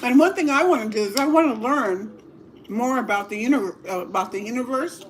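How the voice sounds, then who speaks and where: A middle-aged woman hosting a casual livestream at home, chatting slowly while eating and savoring each bite with hums. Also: a little high, slight background noise. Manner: slow and relaxed, savoring food with hums. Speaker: livestream host.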